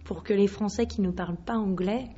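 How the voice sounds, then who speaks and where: A woman's voice: mid-range voice, a little fast, dark tone, husky. Hesitant young Frenchwoman singer, slightly lo-fi. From Paris, France. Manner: hesitant, searching for words. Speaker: singer guest. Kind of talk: radio interview.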